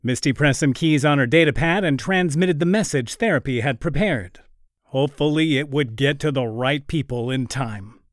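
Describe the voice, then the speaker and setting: A man narrating a science-fiction story in a calm, even, scripted reading. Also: mid-range voice, moderate pace, no echo, clean studio sound.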